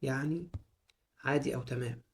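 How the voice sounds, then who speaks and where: Gravelly Egyptian man teaching phrases. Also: medium pitch. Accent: Egyptian Arabic. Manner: repeats each phrase slowly several times. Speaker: English teacher. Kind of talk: casual spoken lesson.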